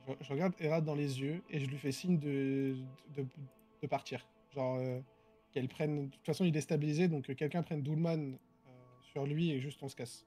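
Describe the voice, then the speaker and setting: Mellow, higher-pitched male tabletop player. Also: steady tone, normal speed. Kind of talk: casual tabletop role-play chat. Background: background music.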